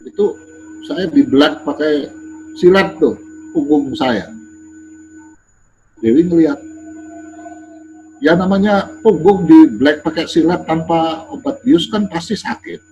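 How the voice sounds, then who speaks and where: A man, a guest in an interview, telling anecdotes in a casual, animated way and laughing as he goes. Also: a little high, takes it slowly, pauses often, highs cut off, faint music behind. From Indonesia.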